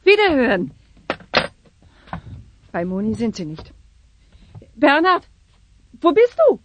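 A woman's voice: sits high, sing-song, takes it slowly, highs cut off, background noise, heavily acted. A middle-aged woman voicing an anxious, bossy witch mother in a children's radio play. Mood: flustered. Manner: fretful and bossy, chants spells.

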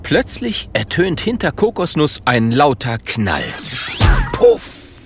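A man narrating a children's audiobook in a slow, expressive storytelling manner. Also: medium pitch, vocal fry, background noise.

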